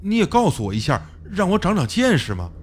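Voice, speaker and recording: Frightened young man, played by a male narrator, stammering, pleading, lively pitch. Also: fairly quick, a little hiss or hum.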